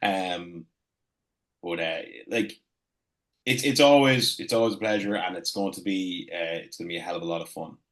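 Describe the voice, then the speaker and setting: An Irish man chatting casually as an interview guest, often halting and repeating phrases as he reminisces. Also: deep voice, a bit bright. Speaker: guest, wrestling ring announcer.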